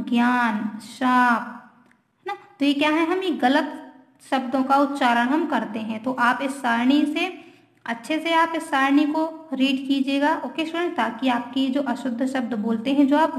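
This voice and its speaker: A woman teacher with an Indian accent and a high voice takes young students through a grammar lesson. She asks questions, answers them herself and says words over slowly. The room around her is echoey. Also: gravelly.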